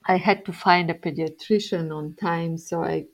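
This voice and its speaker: A young Bulgarian woman with a Bulgarian accent is a guest in a relaxed interview, telling her stories unhurriedly and laughing often. Her voice sits on the low side, with fairly even intonation.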